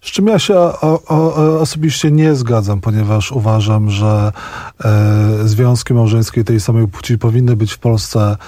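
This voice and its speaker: A man commenting on politics as a guest in a radio studio. His voice is dark and mellow, with dry, close sound. He speaks frankly and in opinionated bursts, restarting words as he thinks. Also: on the low side, steady tone, measured pace, no echo. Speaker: newspaper journalist, studio guest.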